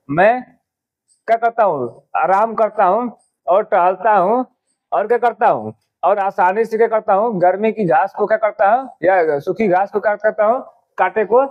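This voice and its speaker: A high-pitched male teacher walks his class through a poem line by line, repeatedly checking whether the students understood and drawing out his English words. The audio is narrow and tinny.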